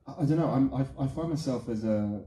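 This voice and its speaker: A man's voice: medium pitch, quick pace, mellow, slight background noise. A man on a film panel answering with enthusiasm, rambling a little as he goes. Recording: echoey room.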